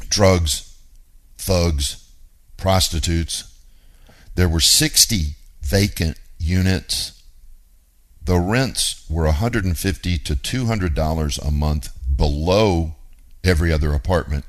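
Very low, slow-talking male host. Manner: emphatic, blunt, repeats key points. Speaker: radio show host. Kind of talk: teaching monologue on real estate investing.

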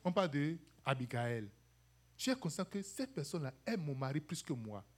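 A woman's voice: low-pitched, normal speed. A woman preaching a sermon, calling to the congregation and acting out the voices of people in her stories. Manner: animated, calls for "Amen" and "Alléluia", acts out quoted voices.

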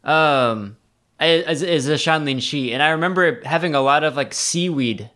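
A man tasting tea in a casual chat, relaxed and joking, with frequent "like" and "um" fillers. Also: fairly high pitch, normal speed. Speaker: tea enthusiast guest.

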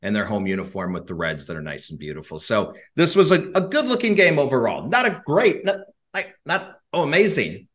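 A man's voice: mid-range voice, wildly swooping pitch, fairly quick. A man co-hosting a casual sports podcast, giving wry, opinionated takes. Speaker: co-host.

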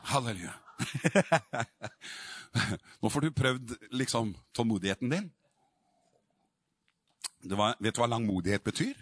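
A man's voice: mid-range voice, lively intonation, pauses often, breathy edge. A man preaching a sermon in a fervent, emphatic way.

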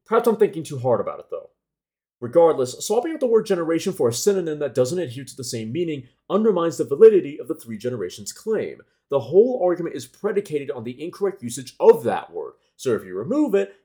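A man reading his own analytical essay aloud as a car enthusiast, careful and argumentative, pausing to correct small slips. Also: a little high, mellow.

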